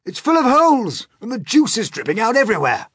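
A man's voice: very high voice, huge pitch swings, quick pace, a bit bright, slightly rough, no room sound, clean studio sound, voice pushed up, full character voice. A man voicing an alarmed old grasshopper in a storybook, exclaiming shrilly and frantically. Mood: alarmed shouting. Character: old green male grasshopper, loud and alarmed.

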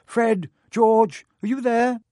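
A man's voice: a little high, animated, slow pace, darkish tone, no room sound, voice pushed up. A busy middle-aged mother, fond yet scolding, calls out in a raised, lifted voice, as a male reader puts her on. The sound is dry and close, with no room around it. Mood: calling, fussing. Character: fussing middle-aged mother of many sons.

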